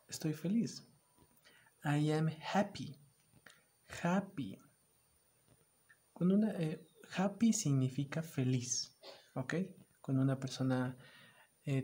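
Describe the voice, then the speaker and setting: A man's voice: medium pitch, mellow. A man teaching an online lesson to young children, acting out emotions and repeating the English words emphatically.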